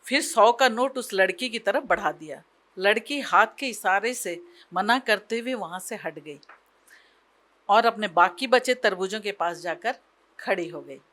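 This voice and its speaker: A woman telling an emotional story aloud in an expressive, dramatic way, pausing for effect. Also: medium pitch.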